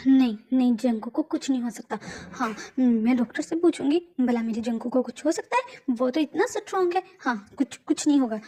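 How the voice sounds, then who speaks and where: Woman doing a high sobbing young wife in denial, stammering, pleading, all over the place. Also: lively intonation, a little fast, warm tone. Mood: insistent denial.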